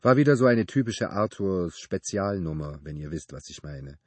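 A man doing a laid-back, husky garage mechanic. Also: low-pitched, normal speed, no echo. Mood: casual. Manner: relaxed, offhand colloquial talk. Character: laid-back male mechanic, easygoing and matter-of-fact.

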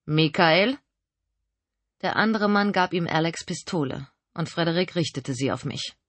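Woman reading a novel out loud, husky voice, dramatic, dry close sound. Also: lowish voice, normal speed, no room sound. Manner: expressive, dramatic. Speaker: audiobook narrator. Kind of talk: first-person novel reading.

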